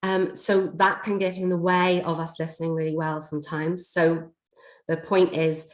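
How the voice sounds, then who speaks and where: A learning and development trainer, slightly hoarse from a chest infection, gives a steady, explanatory online workshop presentation with frequent fillers. Her voice is lowish at a moderate pace, picked up by a computer mic on a video call in an echoey room.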